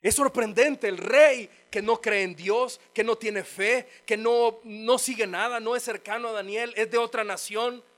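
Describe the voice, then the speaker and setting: A man preaches with a high, bright voice. He acts out the people in the story as he tells it, in a lively storytelling manner. His sermon is delivered in a church auditorium. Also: measured pace, few pauses. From El Salvador. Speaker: pastor.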